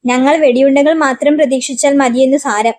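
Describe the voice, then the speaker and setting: A woman voicing a genial, smooth-talking male politician in a read-aloud story. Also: high voice, steady tone, fairly quick, a little mellow, close to an everyday voice. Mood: jovial.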